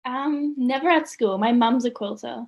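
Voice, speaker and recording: Brief: young student artist, woman, higher voice, casual and chatty, laughs easily. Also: normal speed, vocal fry, darkish tone. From Australia. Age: young adult. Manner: chatty, many "like"s, laughs often. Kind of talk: casual interview chat.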